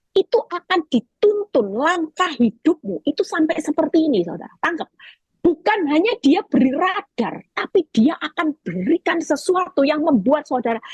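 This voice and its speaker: A woman evangelist preaching over a video call, telling stories in a lively way and speaking straight to her listeners. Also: high-pitched, no room sound, muffled recording. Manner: lively storytelling, addresses listeners directly.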